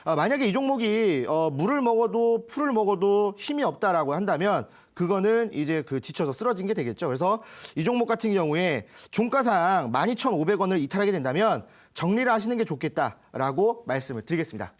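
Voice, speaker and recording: A man's voice: high voice, sing-song, a little fast, hardly any pauses. A man from Chungcheong, Korea, giving stock advice on a TV show, chatty, with homely analogies and frequent self-corrections. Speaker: stock market expert. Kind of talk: stock consultation on TV.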